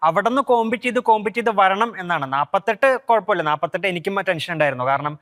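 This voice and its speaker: A man's voice: high-pitched, rapid-fire, a bit bright. A man on a casual football panel, stating his opinions firmly and often repeating himself. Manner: opinionated, argues his view with repeated phrases.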